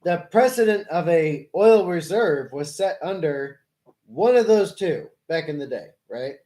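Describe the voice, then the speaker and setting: A man's voice: fairly high pitch, animated, a little slow, warm tone. A man hosting a live stream, debating politics with a caller in an explanatory way, correcting and rephrasing as he goes. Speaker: livestream host.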